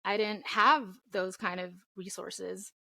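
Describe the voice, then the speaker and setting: A woman's voice: mid-range voice, fairly even intonation, slow, vocal fry, bright, forceful tone, no echo. A young woman from the Philippines, raised in Florida, answering interview questions earnestly with frequent ums. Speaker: indie singer-songwriter guest.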